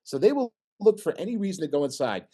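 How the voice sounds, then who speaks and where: A middle-aged man gives an informal technical talk with slides. His pitch swings widely and animatedly. He jokes and throws questions to the audience. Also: quick pace. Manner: lively, joking, asks audience questions. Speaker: presenter at an engineering society meeting.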